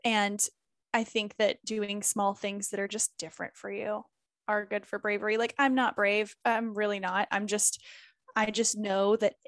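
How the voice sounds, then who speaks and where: A woman's voice: mid-range voice, level tone, a little slow, fairly bright tone, dry recording, studio quality. A woman speaking candidly and emphatically as a guest in a casual interview, swearing freely as she makes her points. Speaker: former group fitness instructor.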